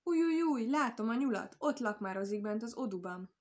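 A shrill, crafty hawk, as a woman puts him on. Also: animated, a little mellow, natural voice. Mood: eager. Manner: shrill, feigning innocence. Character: crafty squawking male hawk.

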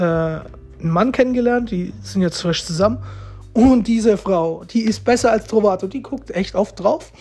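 A man's voice: sits high, darkish tone. Chatty man giving relationship tips. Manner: chatty, repeats himself, tags lines with "ja?" and "ne?". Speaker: relationship-advice vlogger. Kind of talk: casual advice monologue to viewers.

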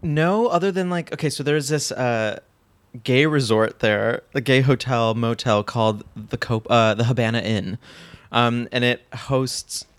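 A man's voice: medium pitch, measured pace, dry recording. Frank, laughing man telling stories. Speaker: podcast guest. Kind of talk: candid casual chat.

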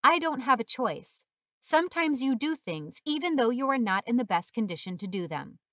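A woman's voice: on the high side, very animated, moderate pace, fairly bright tone, no echo, studio quality. A woman voicing an exhausted nurse and mother who stays weary but firm. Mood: indignant.

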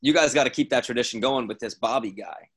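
A man co-hosting a podcast, telling a baseball story in a casual, animated way. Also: mid-range voice, fast, breathy edge. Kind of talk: casual chat.

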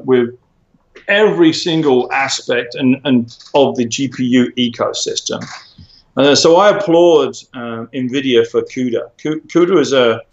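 A man being interviewed, explaining at length in a measured way with frequent fillers and restarts. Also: mid-range voice. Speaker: interview guest, former tech executive. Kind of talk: conversational interview. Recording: roomy, dull lo-fi sound.

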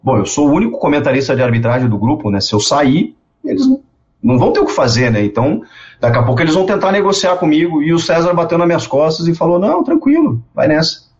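A man's voice: fairly high pitch, fast talker. Storytelling southern brazilian man, lo-fi. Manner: animated, repeats words, imitates others. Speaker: guest. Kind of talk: casual storytelling interview. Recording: dull lo-fi sound.

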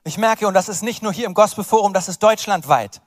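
A man's voice: sits high, quick pace, no room sound, clean studio sound, in a large hall. A man preaching a sermon, urging and encouraging his congregation in an earnest, direct way. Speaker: pastor.

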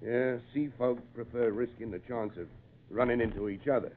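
An actor playing a gruff, kindly old fisherman with salty, folksy talk in an old-time radio drama. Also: mid-range voice, fairly even intonation, normal speed, slight background noise, close to an everyday voice. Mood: calm, wary. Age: older. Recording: muffled, narrow-band old radio recording.

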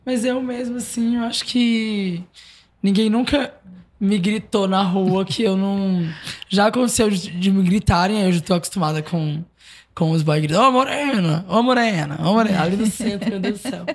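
A woman's voice: mid-range voice, fairly even intonation, moderate pace. A woman from Brazil, a podcast guest talking casually and reflectively, telling anecdotes. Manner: reflective, tells anecdotes with acted quotes.

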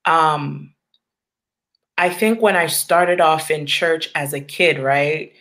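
A woman's voice: low voice, slow, a bit bright. A woman from Long Island, New York, speaking candidly and reflectively as an interview guest, laughing easily.

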